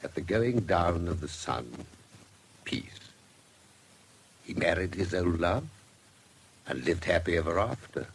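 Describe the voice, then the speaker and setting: An actor playing a shrewd English doctor and investigator in a British radio drama, speaking in a precise, deliberate, formal way. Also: male voice, low-pitched, lively intonation, slight background noise, full character voice, low-quality recording. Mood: gently knowing.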